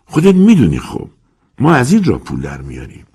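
A man voicing a shrewd, money-minded landlady in a high, brisk voice. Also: huge pitch swings, dark tone, husky, full character voice. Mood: smug.

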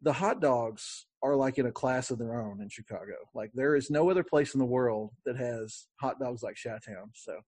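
A man hosting a podcast in a relaxed, conversational way, with frequent fillers and restarts. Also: medium pitch, moderate pace, hardly any pauses, husky, dry recording. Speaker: podcast host. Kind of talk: casual podcast talk.

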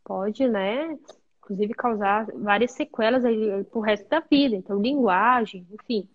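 A woman's voice: mid-range voice, measured pace, dull audio. A woman, a mother, explaining at length in a casual talk-show conversation, often tagging her sentences with questions. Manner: chatty, explanatory, frequent tag questions. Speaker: guest mother.

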